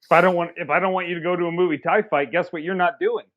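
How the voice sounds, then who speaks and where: On a casual movie review podcast, a co-host talks fast in a high-pitched, steady voice, cracking sarcastic riffs and cursing without restraint. The recording is slightly dull lo-fi.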